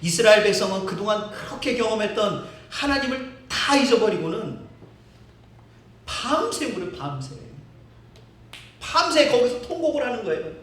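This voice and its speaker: A male pastor preaching a sermon with lively storytelling, often acting out quotes and chuckling. His voice sits high for a man. The sound is very echoey and distant, recorded in a church sanctuary. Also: normal speed. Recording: very echoey hall, distant mic.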